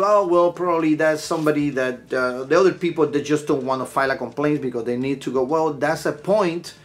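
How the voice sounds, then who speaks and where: A man from Puerto Rico with a Puerto Rican Spanish accent, hosting a casual podcast monologue, rambling with frequent restarts and blunt asides. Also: fairly high pitch. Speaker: podcast host.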